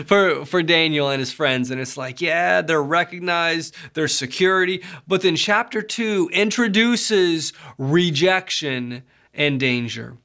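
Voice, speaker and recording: A man preaching a sermon as pastor, energetic, laughing often and stumbling over restarts as he acts out everyday quotes. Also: high-pitched. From Southern California.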